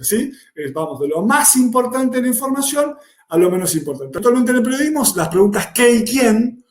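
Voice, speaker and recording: A man's voice: sits high, darkish tone, reverberant. A man giving an explanatory workshop lecture, repeating key questions to drive points home. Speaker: workshop instructor. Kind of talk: online lecture.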